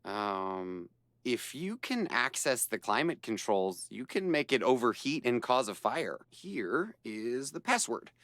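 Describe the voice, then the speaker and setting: Sheepish young guy, video game character, nervous stammer, animated pitch, slow hesitant pace, dry recording. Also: no echo. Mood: awkward, relieved. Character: awkward, insecure young man, sheepish and excitable.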